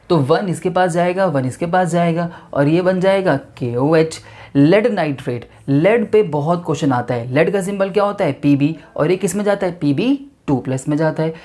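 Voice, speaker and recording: A male teacher works through a chemistry lesson. His tone is mellow and warm. He keeps posing quick questions to his students and then answers them himself. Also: a little high.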